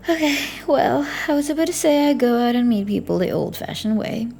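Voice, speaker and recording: Expressive and a little fast, with a fairly high pitch and vocal fry, a woman performs a scripted roleplay as a flirty bartender who teases. She speaks softly, often near a whisper.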